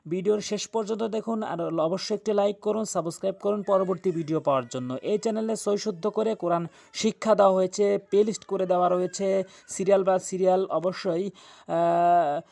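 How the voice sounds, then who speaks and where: A man's voice: high voice, brisk, gravelly, darkish tone. A young man teaching Quran recitation in a tajweed lesson, earnest and insistent, spelling out letters syllable by syllable.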